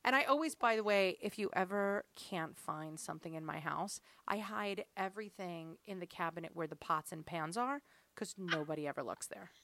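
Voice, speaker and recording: A woman in her forties chatting casually, an animated storyteller acting out her family's lines. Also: lowish voice, normal speed, slight background noise. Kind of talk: casual chat.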